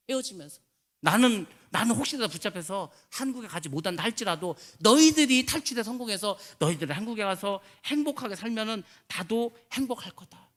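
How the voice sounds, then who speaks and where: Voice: mid-range voice, a bit bright. A pastor delivering a sermon in a church service, telling an emotional story and rising into fervent pleas to the congregation.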